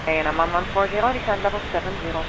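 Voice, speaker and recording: A woman working as an air traffic controller, giving brisk, procedural instructions in clipped radio phraseology. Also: lowish voice. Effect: aviation radio. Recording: very noisy aviation radio transmission.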